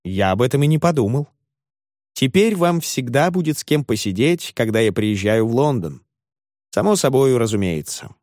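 A man doing a flustered elderly gentleman. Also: mid-range voice, big pitch swings, moderate pace, no echo, studio quality, natural voice. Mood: genial. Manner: genteel, flustered pleading.

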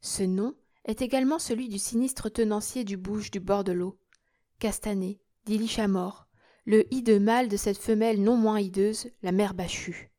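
A woman reads a classic novel aloud in a steady, measured way. Her voice is warm and mellow, and the recording is close and completely dry. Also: medium pitch, dry recording. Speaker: audiobook narrator. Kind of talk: scripted narration of a classic novel.

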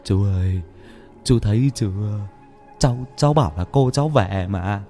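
A man's voice: lowish voice, fairly quick, dark tone, soft background music, natural voice. A man doing a stammering, terrified young man. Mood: pleading. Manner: stammering, pleading.

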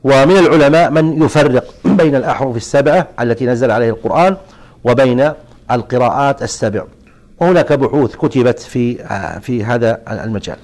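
A middle-aged man in a scholar's lecture, answering questions one by one. He speaks at a mid pitch in a calm, measured way, pausing and restarting as he explains. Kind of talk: lecture Q&A on jurisprudence.

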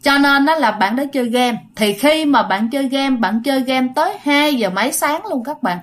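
With a high voice, lively intonation, and a moderate pace, a Southern Vietnamese-accented woman spins a ghost story. Speaking informally and right to her listeners, she chats along and acts out any shouting she quotes.

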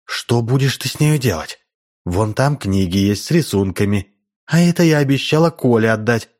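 A man's voice: medium pitch, lively intonation, moderate pace, darkish tone, natural voice. A man reading a stately grey-haired lady in an audiobook, speaking in a cold, lecturing manner. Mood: coaxing. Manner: indifferent, lecturing.

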